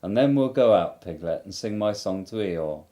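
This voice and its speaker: A cheerful, slightly muddled storybook bear, done by a man reading aloud, humming and drawing out his words in a sing-song way. The voice is mellow and warm, rising and falling with great liveliness. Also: fairly low pitch, expressive, normal speed, close to an everyday voice.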